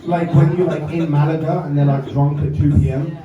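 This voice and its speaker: Recorded from afar in a comedy club, a young Englishman delivers stand-up with dry jokes at his own expense while the crowd laughs and makes noise. He speaks briskly with a fairly high voice and fairly even intonation, and the sound is roomy, distant and a bit dull.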